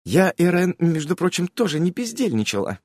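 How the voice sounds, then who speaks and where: A man plays a fretful witch mother in an audiobook, his voice lifted higher than usual. She fusses and frets over her family. The recording is close and dry. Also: very animated, moderate pace, a little mellow, dry recording. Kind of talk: audiobook character voice.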